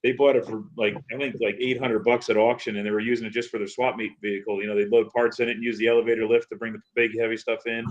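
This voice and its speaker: A man's voice: medium pitch, level tone, fast talker, few pauses. A man telling rambling stories and laughing in a casual chat. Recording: dull lo-fi sound.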